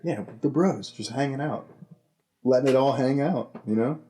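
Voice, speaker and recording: Mellow-voiced man joking around casually. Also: mid-range voice, moderate pace. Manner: rambling, jokey, deadpan asides. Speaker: podcast host. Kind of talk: casual comedic chat.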